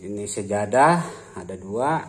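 Slow, low-voiced man from Banten. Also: animated. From Banten, Indonesia. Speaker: presenter of a prize giveaway. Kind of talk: casual video walkthrough of items. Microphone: handheld phone behind camera. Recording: noisy phone recording with room ambience.

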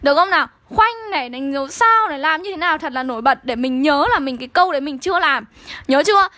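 A woman's voice: high-pitched, expressive, fast talker, sharp tone, dry recording. A young woman with a Northern Vietnamese accent teaching an online exam-review lesson, coaxing and keeping on checking in with her students. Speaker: literature teacher.

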